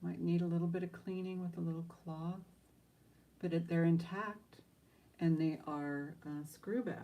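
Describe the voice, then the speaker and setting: A woman's voice: lowish voice, steady tone, moderate pace, highs cut off. A woman running a live online auction as auctioneer, mixing casual, chatty patter with bid calls in an informal, rambling way.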